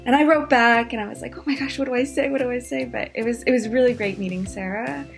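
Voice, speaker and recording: A woman in her twenties from Maine, telling her own story in a casual, animated way, with many fillers and quick rushes of words. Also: a little high, creaky, soft background music. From Maine, USA. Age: 20s.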